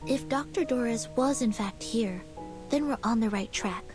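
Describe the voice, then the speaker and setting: A woman plays a level-headed young heroine in a video game, reasoning things through in a measured, matter-of-fact way. Her voice sits a little high. Game music plays clearly behind her. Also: a little mellow, lightly acted. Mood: composed. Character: calm, analytical young female companion. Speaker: game character. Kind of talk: game voice acting.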